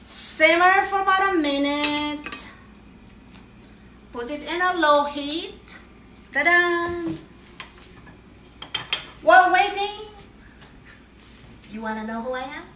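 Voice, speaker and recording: Slow-talking playful woman in a kitchen. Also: extremely high pitch, animated, pushed and bright, recorded from a distance, slight background noise. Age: middle-aged. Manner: playful, chatty, cheery exclamations. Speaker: home cook. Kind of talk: casual cooking vlog narration. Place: home kitchen. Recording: echoey room, voice from afar.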